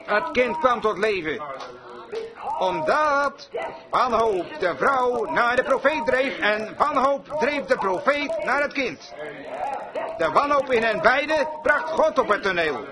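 A man's voice: extremely high pitch, animated, slow pace, crowd noise. A man preaching a sermon to a congregation in a church, telling stories fervently and emphatically. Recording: congregation audible behind.

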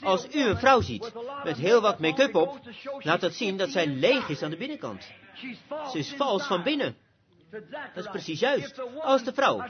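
A man preaching an impassioned sermon that rises to shouts, on a dull lo-fi recording with a crowd behind. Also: high voice, big pitch swings, normal speed. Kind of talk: fiery sermon.

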